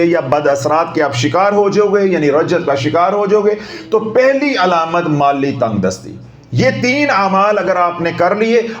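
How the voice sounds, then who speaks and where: Man, preacher, sermon, repetitive emphatic delivery, echoey, muffled lo-fi. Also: high-pitched. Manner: preachy, repeats phrases for emphasis. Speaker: Islamic preacher. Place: rooftop gathering.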